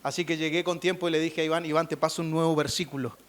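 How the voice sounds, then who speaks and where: A man's voice: fairly high pitch, fairly even intonation, quick pace. A man preaching a fervent church sermon as pastor, repeating phrases for emphasis. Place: church service.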